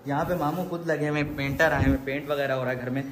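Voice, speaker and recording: A young man vlogging at home during a family celebration, teasing and exclaiming loudly. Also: a little high, quick pace, slight background noise. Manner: excited, teasing, loud exclamations. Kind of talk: casual chat.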